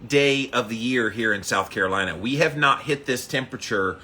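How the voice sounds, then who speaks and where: A man's voice: medium pitch, moderate pace, bright, forceful tone, breathy edge. A man hosting a casual livestream, upbeat, repeating himself as he greets viewers by name and reads out their comments. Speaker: livestream host of a daily ice bath challenge.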